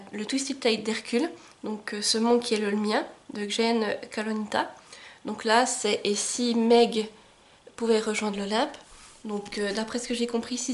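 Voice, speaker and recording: A young woman vlogging about her book gifts in a chatty, enthusiastic way, often pausing on "euh" and laughing a little, recorded at home on a camcorder microphone. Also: on the high side. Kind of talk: casual book haul chat to camera.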